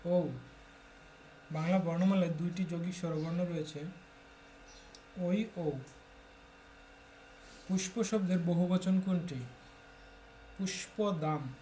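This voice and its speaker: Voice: mid-range voice, steady tone, takes it slowly, pauses often, dark tone, a little hiss or hum. A tutor from Bangladesh steadily reading exam questions aloud and announcing each answer in turn.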